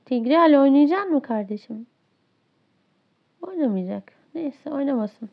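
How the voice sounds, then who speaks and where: A high-pitched woman talks over her gameplay in a frustrated, ranting way, complaining about a teammate. The audio is a bit dull and lo-fi. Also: animated, a little slow, creaky. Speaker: gaming streamer. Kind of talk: live gameplay commentary.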